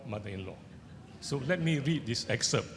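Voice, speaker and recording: Animated yet halting, an elderly author, seventies or older, with a Singaporean accent searches for words while telling anecdotes on a festival panel. He speaks through a handheld microphone in a big indoor hall before a seated audience, and the sound is echoey and rumbly.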